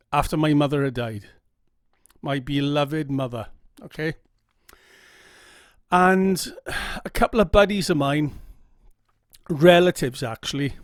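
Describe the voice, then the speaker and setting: A middle-aged Welsh vlogger tells his own story to camera, earnest and candid, often checking in with "okay?". His voice is fairly high, recorded on a camera mic with no echo and studio-quality sound.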